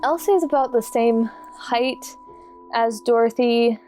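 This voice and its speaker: A woman with a fairly high but dark-toned voice speaks at a measured pace, faint music behind her. She's a player in a tabletop roleplaying game, chatting informally and conversationally as she improvises what her character does.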